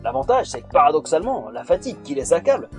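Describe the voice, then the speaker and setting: A man's voice: a little high, very animated, quick pace. A man acting as a gleeful, chatty storyteller, narrating a fantasy audio saga in a theatrical, familiar way. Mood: gleeful, knowing. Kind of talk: dramatic scripted narration. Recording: music under the voice.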